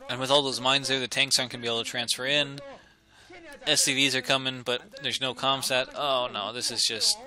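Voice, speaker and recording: A man commentating a strategy video game, talking through the action casually and getting excited and laughing at big plays. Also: medium pitch, poor audio. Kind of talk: esports play-by-play commentary.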